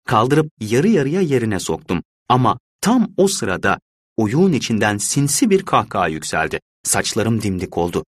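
Low, brooding male storyteller. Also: no echo, studio quality. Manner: measured, brooding first-person storytelling. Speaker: narrator. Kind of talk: dramatic audiobook reading.

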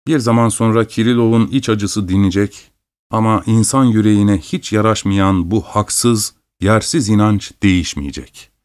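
A man narrating a literary story in a measured, grave reading with deliberate pauses. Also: on the low side, steady tone, clean tone. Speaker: audiobook narrator.

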